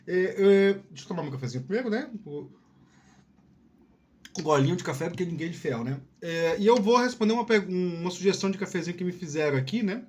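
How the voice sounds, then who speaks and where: Talking fast and expressively in a high-sitting voice, this video host from Piauí, Brazil shares informal career advice. He digresses freely, repeats words a lot and keeps checking in with whoever is listening.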